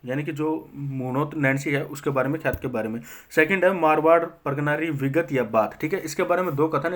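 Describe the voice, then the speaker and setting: In an exam-prep history session, a young man with a slightly high voice quizzes himself briefly and answers right away. He also checks in with his listeners again and again.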